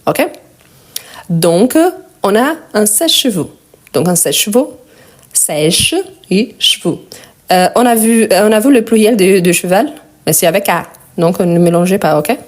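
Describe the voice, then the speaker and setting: A woman teaching French grammar in a live online lesson. She patiently repeats each word slowly and asks viewers questions. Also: mid-range voice, darkish tone.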